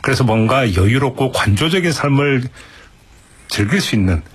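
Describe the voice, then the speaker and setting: A man's voice: medium pitch, expressive, moderate pace, breathy edge. A man hosting a broadcast talk show, leading the chat with joking interjections. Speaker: host.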